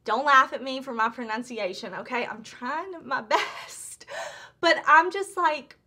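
A woman chatting excitedly through a beauty haul, gushing and full of "like" and restarts. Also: sits high, unhurried. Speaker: beauty vlogger. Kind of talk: casual beauty haul chat.

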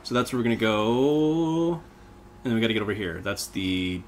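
A man's voice: on the low side, expressive, normal speed, slight background noise. A young man casually commenting on gameplay with a friend, rambling and self-deprecating. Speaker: let's play co-host and video editor.

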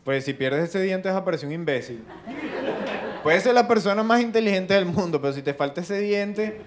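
A young man with a Venezuelan accent doing a stand-up comedy routine, animated and acting out other people's voices. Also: sits high, normal speed, noisy background. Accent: Venezuelan Spanish. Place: live comedy stage with audience.

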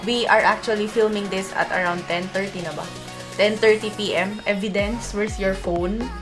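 A woman's voice: mid-range voice, steady tone, moderate pace, music in the background. A young woman with a Filipino accent chatting casually as a vlog host in a small room. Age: young adult. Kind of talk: casual chat, mixing English and Tagalog.

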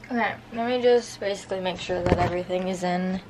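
Talking fast in a voice on the low side, a young vlogger with a stuffy nose chats casually to camera, leaning on many fillers. She's in a small apartment indoors, and there's background noise in the clip.

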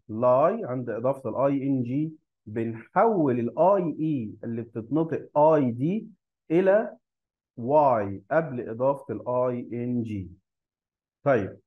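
Egyptian man teaching grammar, lo-fi sound. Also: mid-range voice. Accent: Egyptian Arabic. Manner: explains step by step, slows to spell out example words. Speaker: English teacher. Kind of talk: grammar lesson.

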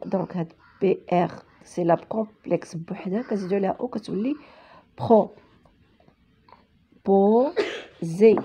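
A woman's voice: mid-range voice, mellow, breathy edge, highs cut off. A woman teacher with a Moroccan Arabic accent, patiently spelling out sounds letter by letter in a reading lesson for children.

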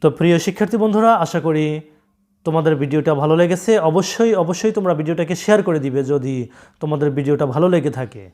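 A man with a Bengali accent gives an online English pronunciation lesson. His voice sits high for a man. He talks straight to his viewers and repeats each word slowly, one at a time. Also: darkish tone.

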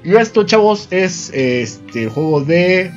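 A man's voice: sits high, big pitch swings, slow, dull audio, soft background music. A man with a Mexican accent co-hosting a casual gameplay video, joking and rambling in slangy banter. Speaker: gameplay co-host.

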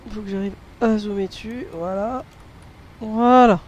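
A man's voice: sits high, steady tone, a little fast, a little mellow, lo-fi sound. A man giving casual flight simulator commentary in short muttered bursts, close on the mic.

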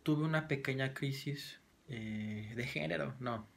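A man's voice: medium pitch, unhurried, creaky, fairly bright tone. A man in his twenties with a Mexican accent, talking casually and rambling to his vlog audience with lots of slang. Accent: Mexican Spanish. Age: 20s. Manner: rambling, slangy, self-deprecating. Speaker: vlogger.

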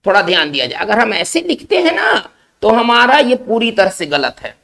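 A man's high-pitched, sing-song voice, gravelly, pushed and bright, carries a recorded lesson on English spelling and word meanings. Speaking slowly in Hindi, he breaks things down step by step and keeps checking in with "isn't it?".

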